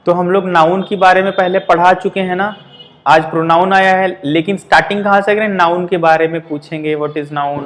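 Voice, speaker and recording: A man teaching an exam-prep language lesson, reading English options out slowly and explaining them in quick Hindi-English asides with frequent checks like "theek hai". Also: high-pitched, level tone, fairly bright tone.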